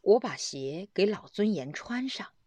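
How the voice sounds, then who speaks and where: A woman's voice: mid-range voice, sing-song, measured pace, dark tone, no room sound. Woman doing a pleading young man. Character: young man, humble and desperate.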